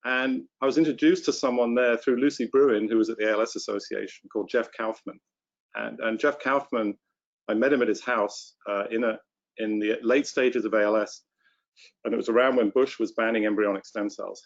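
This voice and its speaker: Man, British accent, guest scientist, relaxed storytelling, muffled call audio. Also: mid-range voice, brisk, gravelly. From England. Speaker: stem cell scientist guest. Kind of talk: conversational interview answer.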